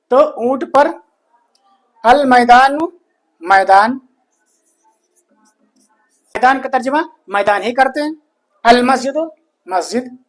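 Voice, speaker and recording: A man teaching a grammar lesson, slowly repeating each phrase and answering his own questions. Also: very high-pitched. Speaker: Arabic teacher.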